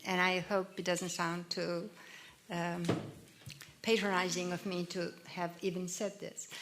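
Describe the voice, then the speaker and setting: A woman's voice: medium pitch, a little hiss or hum. A woman on a forum panel, speaking frankly with frequent restarts and hesitations. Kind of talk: panel discussion.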